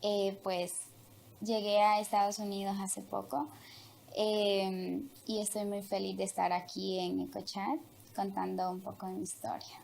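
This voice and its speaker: A woman's voice: mid-range voice, little pitch movement, unhurried, vocal fry, darkish tone, a little hiss or hum. A young woman from Honduras, a guest telling her life story in an interview, speaking hesitantly with many fillers. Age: young adult. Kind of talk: testimony interview.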